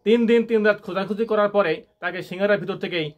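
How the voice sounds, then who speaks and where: A man's voice: sits high, fast talker, highs cut off, background noise, natural voice. A man playing a parody news anchor, reading absurd bulletins with mock seriousness. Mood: mock-serious.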